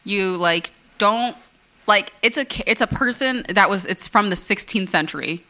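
A woman's voice: mid-range voice, normal speed, bright, forceful tone. A young woman co-hosting a casual podcast chat, talking in a chatty way with many fillers and frequent laughs. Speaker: podcast co-host.

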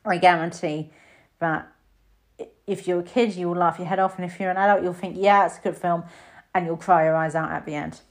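A British woman in her thirties talks through films she has watched in a loose, rambling way. Her voice sits a little low for a woman. She keeps slipping into sudden high, bright takes on her own reactions. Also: fairly even intonation, brisk. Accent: British English. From Britain. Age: 30s. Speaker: film reviewer. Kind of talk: casual chat.

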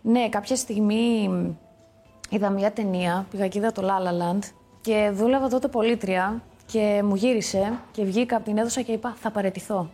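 A woman's voice: medium pitch, steady tone, dark tone, soft background music. Young woman, twenties, actress guest, casual interview, candid, self-mocking. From Greece. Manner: chatty and candid, quick to laugh at herself.

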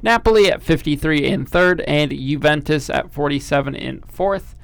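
Guy with a gravelly voice running thru soccer standings, kinda jokey, dry close sound. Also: fairly high pitch, moderate pace, no room sound. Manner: reads standings and stats in a steady run; jokey, teasing banter. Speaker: podcast co-host. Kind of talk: casual sports chat.

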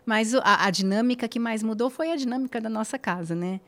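Talking fast in a high, somewhat bright voice, an influencer appears as a podcast guest, chatting casually but with emphasis. She stresses points by repeating phrases and keeps tossing in tag questions.

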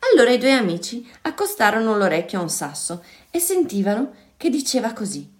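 A woman's voice: on the high side, brisk. Playful woman reading a children's story. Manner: expressive, playful.

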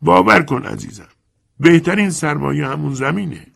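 A male narrator voices a sickly old moneylender in an audiobook, a cold schemer who never raises his voice. The voice sits far higher than the reader's own and stays husky and gravelly. He speaks slowly and softly, with calm menace in every word. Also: heavily acted. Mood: calm, sly. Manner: soft, slow, calmly menacing. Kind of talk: audiobook character voice.

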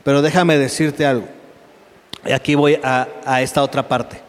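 A male pastor preaching a lively, humorous sermon, often asking the congregation questions. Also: medium pitch, moderate pace, long reverb tail. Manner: lively and humorous, with frequent call-and-response questions.

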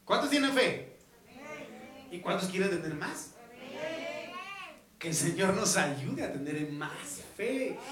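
A male pastor preaching an evangelical sermon, swinging from soft asides to loud, fervent exclamations. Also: high-pitched, big pitch swings, takes it slowly, long pauses, far from the mic, crowd noise. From Guatemala. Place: church hall. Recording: echoey church hall.

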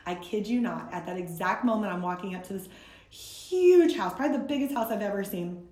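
A woman guest in a conversation, telling a story in an animated, self-mocking way and laughing often. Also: mid-range voice, quick pace, reverberant. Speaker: guest speaker from a women's ministry.

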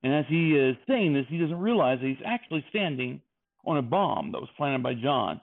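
A man's voice: on the high side, expressive, normal speed, vocal fry. A man improvising a comic retelling as a storyteller, rambling and correcting himself as he goes. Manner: rambling, self-correcting narration. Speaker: comedy storyteller. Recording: tinny phone-like line.

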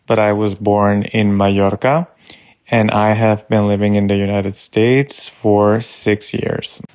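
A man from Spain introducing himself slowly and loudly, heard from a distance. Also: fairly low pitch, flat delivery.

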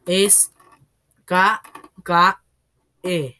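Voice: medium pitch, steady tone, drawn-out words, bright, forceful tone. A reader voicing a cheeky but scared schoolboy in a read-aloud storybook, talking nervously. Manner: nervous, pleading.

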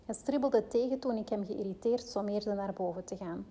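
A woman's voice: medium pitch, normal speed, mellow, slightly rough. Flemish woman reading a parenting book. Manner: reads steadily, then rambles with fillers in her own asides. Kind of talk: book reading with personal asides.

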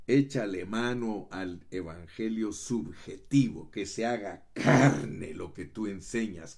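Fervent preacher man. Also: lowish voice. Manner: fervent preaching, often addressing listeners as brother; swings between loud emphatic runs and soft hushed asides. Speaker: pastor. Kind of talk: sermon.

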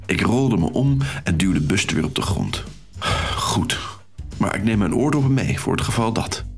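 A man's voice: on the low side, animated, normal speed, gravelly, soft background music. An actor playing an anxious, self-conscious young man, narrating an audio drama in the first person with a wry, rueful manner. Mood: ashamed. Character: anxious young man, shy secret dancer. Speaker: narrator and lead character.

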